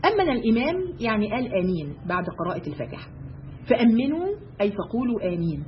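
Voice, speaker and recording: Fast-talking Egyptian woman teaching. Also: fairly high pitch, sing-song, slight background noise. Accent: Egyptian Arabic. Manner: brisk, asks her listeners rhetorical questions. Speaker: religious teacher. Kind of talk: religious lesson for women. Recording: dull lo-fi recording.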